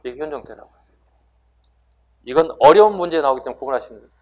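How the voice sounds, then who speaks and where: A man's voice: fairly high pitch, animated, fast talker, lo-fi sound. A man teaching history to exam students in a classroom lecture, asking rhetorical questions and answering them himself with emphasis.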